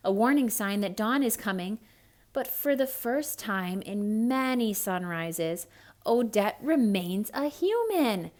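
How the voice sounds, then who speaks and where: In a mid-range voice, a woman dramatically reads a children's story aloud, full of expression and broken up by whispered remarks to her young audience.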